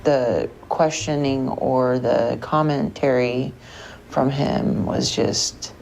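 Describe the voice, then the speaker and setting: In a low-quality recording with distinct room noise, a Portland, Oregon woman from the United States discusses personal matters in a counseling session, her phrasing hesitant. Her voice rumbles low, steady and slow, with a darkish tone.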